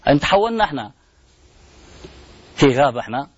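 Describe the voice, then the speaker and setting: A man's voice: a little high, big pitch swings, quick pace, breathy edge. A man, hosting a program and making an impassioned appeal full of pleading rhetorical questions and repeated refrains, on dull lo-fi broadcast audio. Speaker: TV program host.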